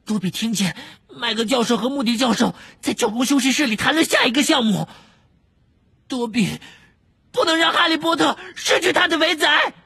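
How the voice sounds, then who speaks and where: A man voicing an excitable male house-elf servant in a shrill, squeaky, pleading voice. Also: normal speed, gravelly, husky, full character voice. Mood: earnest.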